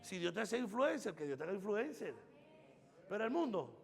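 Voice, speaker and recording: A man's voice: high voice, big pitch swings, normal speed, creaky, big-room sound. A man preaching a sermon as pastor, building up through emphatic repeated phrases. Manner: preaching with rising, emphatic repetition.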